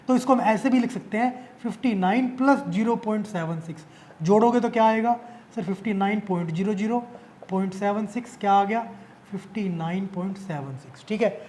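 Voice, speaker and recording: A man's voice: sits high, darkish tone. A male math teacher explaining an exam-prep lesson casually, asking questions and answering them himself.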